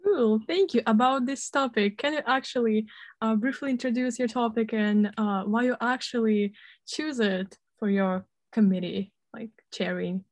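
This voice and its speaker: A woman interviewing two chairs, halting and searching for words. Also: on the high side, dry recording. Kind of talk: casual interview hosting.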